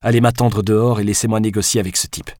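A firm, commanding man who presses his point with insistent orders, as an audiobook narrator reads his lines. The voice sits low and dry, close to the microphone. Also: flat delivery, quick pace, darkish tone, no echo, natural voice.

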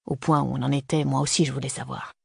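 Gravelly, husky audiobook narrator. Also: mid-range voice, flat delivery, fast, darkish tone, no room sound, clean studio sound. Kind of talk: first-person audiobook narration.

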